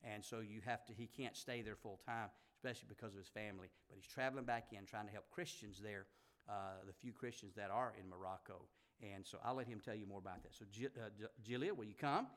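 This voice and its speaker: A man's voice: on the low side, quick pace, a bit bright. A man introducing a guest preacher to a church congregation in a folksy, self-deprecating way. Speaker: pastor introducing a guest speaker.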